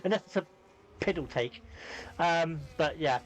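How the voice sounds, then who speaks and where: A man calls a live online race, chatting through a headset between grid rundowns and jokes. His voice sits high for a man, and his manner is loose and bantering, quick to laugh with his co-commentator. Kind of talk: live sim racing commentary.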